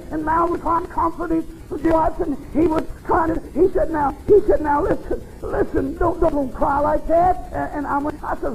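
An older man with a drawl preaches, spinning folksy stories from the pulpit. His voice sits high, and it swings between loud, ringing lines and soft asides. Faint music plays behind him. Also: rough recording. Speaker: pastor. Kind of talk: sermon.

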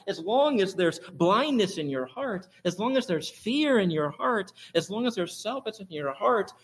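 High-voiced man preaching emphatically. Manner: emphatic, repetitive rhetoric. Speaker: pastor. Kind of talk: sermon.

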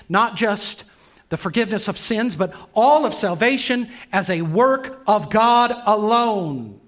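A man preaching a sermon as pastor in a church, earnest, moving between brisk passages and slow, emphatic lines. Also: high voice, fairly bright tone.

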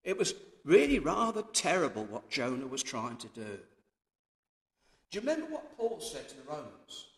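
Man preaching, earnest, emphatic, fairly high voice, echoey hall recording. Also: wildly swooping pitch, normal speed. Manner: earnest, emphatic, voice rising and falling with many restarts. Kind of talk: sermon.

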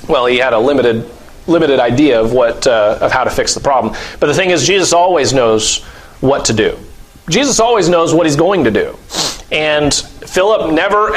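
Man preacher, high-pitched, chatty delivery with frequent fillers. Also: low-quality recording. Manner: acts out scenes with lively voices and laughs; conversational, uses many fillers. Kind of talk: sermon.

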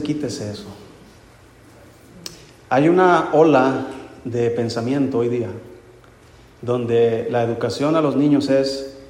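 A male pastor delivers a sermon in a relaxed, conversational way, slipping in humorous anecdotes. His voice sits at an ordinary pitch for a man. The sound carries a roomy, long church-hall reverb with faint background noise.

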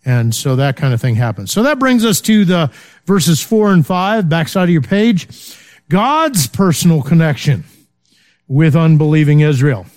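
Lively intonation marks this man's fairly high, darkish voice as he teaches a Bible study at a moderate pace. He keeps it informal, full of fillers, regularly pausing to ask "okay?"

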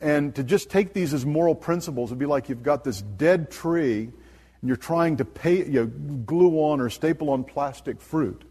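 A man's voice: a little high, animated, moderate pace, warm tone, big-room sound. A man preaching a sermon in an earnest, emphatic way, often quoting scripture.

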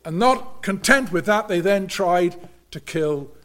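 This fairly high-voiced man preaches in an expressive, earnest way, stressing his words and keeping an unhurried pace. Every so often his voice falls suddenly to a near hush.

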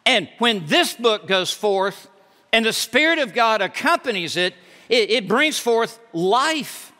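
A man's voice: high-pitched, big pitch swings, takes it slowly, sharp tone. A male pastor preaching a sermon from the pulpit, emphatic and repeating words for force. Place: church sanctuary. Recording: reverberant hall.

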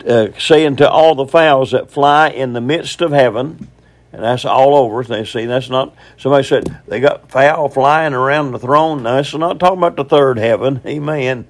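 A man preaching a teaching sermon on scripture, folksy and conversational, often asking his listeners questions. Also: mid-range voice.

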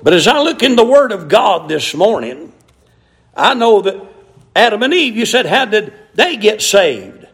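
A middle-aged preacher delivers a sermon in a high, lively voice that swings widely in pitch. He tells folksy stories and climbs into shouted emphasis on key points. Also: a little slow.

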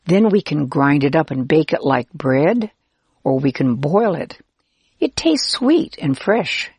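A woman's voice: sits low, very animated, slow, darkish tone, husky, dry recording, full character voice. A woman voicing a friendly, helpful Israelite man who laughs easily and explains patiently in a children's storybook. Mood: cheerful explaining.

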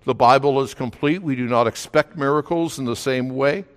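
A man preaching a sermon as pastor, steady in places and building to emphatic, raised delivery. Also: medium pitch, normal speed. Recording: long reverb of a hall.

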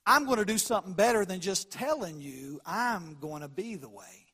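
A male pastor from the American South speaks in a high-set voice with a Southern drawl. He preaches in a folksy storytelling way, using down-home grammar and acting out small exchanges as he goes. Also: sing-song, normal speed, bright, forceful tone, husky.

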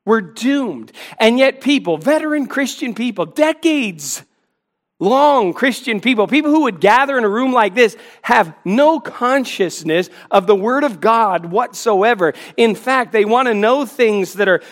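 A man's voice: very high-pitched, animated, a little slow, a bit bright. A man in his forties, a pastor, preaching a sermon in an earnest, emphatic way with self-deprecating asides, in a church. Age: 40s.

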